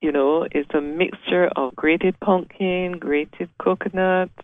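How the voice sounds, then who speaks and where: A man's voice: high voice, steady tone, takes it slowly, dry recording. A man hosting a radio interview, talking enthusiastically and emphatically. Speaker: radio host. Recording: phone-like radio sound.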